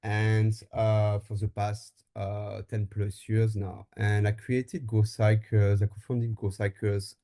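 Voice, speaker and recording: A man from France, a marketing agency co-founder, answering interview questions in a relaxed way with frequent fillers and restarts. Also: fairly low pitch, slow pace, few pauses. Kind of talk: casual interview talk. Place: Taiwan.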